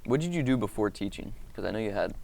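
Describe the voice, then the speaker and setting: A young man who hosts the segment as a student, asking his questions in a laid-back, halting way. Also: fairly low pitch, lively intonation, creaky, a crowd in the background, poor audio. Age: young adult. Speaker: student host. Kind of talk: casual interview.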